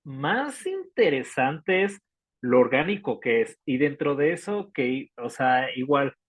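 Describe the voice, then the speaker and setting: A man's voice: mid-range voice, big pitch swings, takes it slowly, no echo. A man with a Mexican accent, reviewing an album in a casual panel chat, rambling with many fillers. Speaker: music reviewer.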